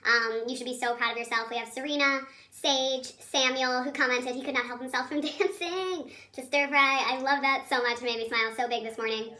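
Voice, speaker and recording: A woman teacher speaks in a very high, squeaky chipmunk voice, as if on helium. The tone is bright and sharp. She guides a children's video lesson in a chatty, encouraging, informal way. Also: fairly even intonation, fairly quick, hardly any pauses. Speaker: elementary school teacher.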